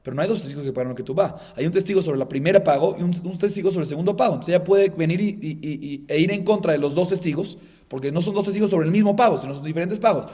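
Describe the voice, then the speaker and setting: Man, rabbi, Talmud lecture, rapid delivery, higher voice, acts out both sides of a dispute. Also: dark tone, slightly rough. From Colombia. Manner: repetitive, restarts phrases, asks and answers himself.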